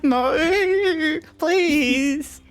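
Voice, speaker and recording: A woman voicing a timid, simple male goblin guard with halting, stammering speech in a tabletop game. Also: lowish voice, expressive. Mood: pleading.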